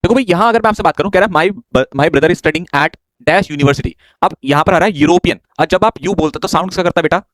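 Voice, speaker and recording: A man's voice: a little high, fast, hardly any pauses, a bit bright, dry recording. A man teaching an online exam-prep grammar class in a chatty way, joking with and scolding his students, speaking English.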